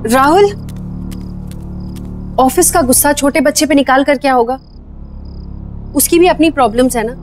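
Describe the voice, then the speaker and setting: A caring mother in a family drama, played by an actress, calling softly and coaxingly to her son. Her voice sits high and clear. Music plays faintly behind her. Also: lively intonation, a little fast.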